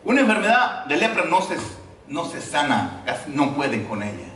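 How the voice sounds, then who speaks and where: Man pastor, high lively voice, preaching, distant mic in an echoey church hall. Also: normal speed, a little hiss or hum. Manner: animated preaching, repeats phrases for emphasis. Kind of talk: sermon.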